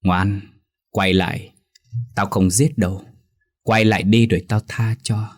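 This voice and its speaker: Man voicing a shrill vengeful ghost woman. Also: fairly even intonation, a little slow, slightly rough. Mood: coaxing. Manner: luring, then raging, then whimpering like a child. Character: vengeful female hanging ghost, shrill and wheedling. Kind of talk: audio horror story reading.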